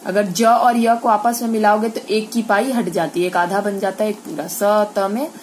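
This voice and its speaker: A woman's voice: medium pitch, steady tone, normal speed, a little mellow, slight background noise. A woman teaching a school grammar lesson online, explaining step by step and asking and answering her own questions.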